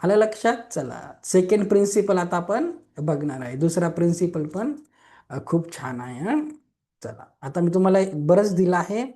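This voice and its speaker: A man's voice: sits high, animated, moderate pace, dark tone. A young man teaching a Reiki webinar, explaining simply and often checking in with listeners by asking if they agree. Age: young adult. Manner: explains simply with questions and everyday examples. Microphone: online webinar mic.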